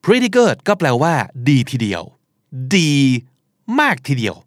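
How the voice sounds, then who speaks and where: Animated Thai man teaching English pronunciation. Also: on the high side, slow pace, no room sound, studio quality. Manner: lively, animated, emphatic word-by-word demonstration. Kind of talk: casual teaching with repeat-after-me drills.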